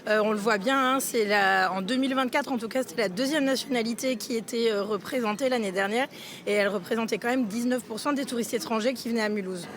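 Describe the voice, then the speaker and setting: A woman's voice: fairly high pitch, quick pace. A woman spokesperson giving a spontaneous, explanatory interview answer.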